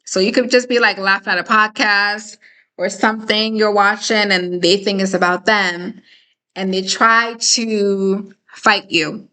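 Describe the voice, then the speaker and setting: Speaking a little slowly in a steady tone, a woman hosts a live discussion stream with a clear, bright, middle-pitched voice. She talks straight to viewers, conversational and emphatic, tagging points with "okay?" and "right?"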